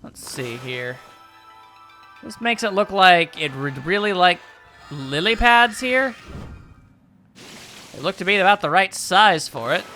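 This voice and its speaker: Male let's player: lively, bright-voiced, wry, joking gameplay commentary, thinking aloud. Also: high-pitched, slow, pauses often, soft background music. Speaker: video game let's player.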